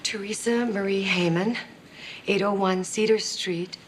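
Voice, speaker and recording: An actress playing a sincere kindergarten teacher testifying plainly and earnestly in a TV courtroom drama. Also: female voice, medium pitch, steady tone, a little slow, slight background noise, close to an everyday voice, poor audio. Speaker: witness. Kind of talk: television courtroom drama acting.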